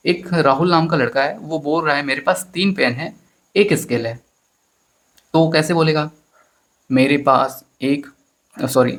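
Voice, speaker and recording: A man's voice: a little high, fairly bright tone. A man teaching a maths lesson in Hindi with an Indian accent, explaining step by step and often addressing his students as friends. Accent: Hindi-speaking Indian.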